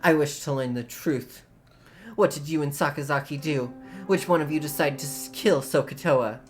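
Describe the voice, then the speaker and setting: A woman plays a proud young noble bird from a visual novel, earnest and stiffly formal in every sentence. The voice sits low for a woman, with faint music in the background. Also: moderate pace, close to an everyday voice. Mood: accusing. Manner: formal, stiff aristocratic diction. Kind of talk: reading visual novel dialogue aloud.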